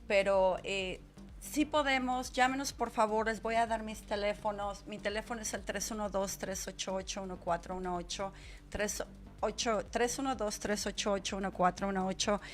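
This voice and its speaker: A woman's voice: mid-range voice, fairly even intonation, brisk. Chatty, laughing radio host woman. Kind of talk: casual radio interview.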